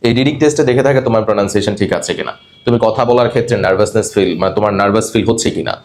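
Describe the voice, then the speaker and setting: Brisk, emphatic male instructor. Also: on the low side, a little hiss or hum. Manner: brisk, emphatic, mixing in English words, corrects pronunciations. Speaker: cabin crew coaching instructor. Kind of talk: classroom teaching. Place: classroom with students.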